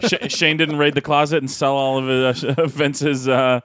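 A man's voice: medium pitch, little pitch movement, normal speed, fairly bright tone, no room sound. A man co-hosting a casual wrestling chat, stammering and repeating words as he goes. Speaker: podcast co-host.

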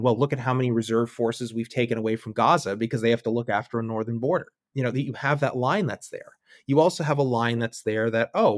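A man speaks as a guest analyst in a relaxed podcast interview, his voice sitting at an ordinary middle pitch. He thinks aloud and drops wry asides and quick mock voices into his points. The recording is close and dry, with no room sound. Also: no room sound. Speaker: guest analyst on militia groups.

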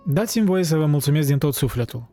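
A man's voice: a little high, lively intonation, mellow, soft background music, natural voice. A man voicing a polite, curious middle-aged foreign stranger with a foreign accent who speaks courteously and exclaims with interest.

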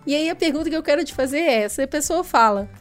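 A woman's voice: sits high, lively intonation, fast, soft background music. A woman hosting a podcast, chatting casually and telling anecdotes. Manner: chatty, tells anecdotes with acted quotes. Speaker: podcast host. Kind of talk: casual chat.

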